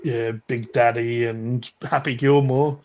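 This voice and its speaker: A man's voice: mid-range voice, steady tone, slow pace, a little mellow. A man talking casually with a rambling, restart-heavy manner, breaking into laughter as he goes. His voice comes through dull, lo-fi live stream audio. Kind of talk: casual chat.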